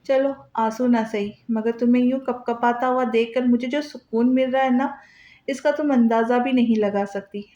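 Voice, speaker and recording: A woman voicing a cruel, mocking young husband who taunts his wife in a soft menacing tone, in a roomy, dull lo-fi recording. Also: a little high, natural voice.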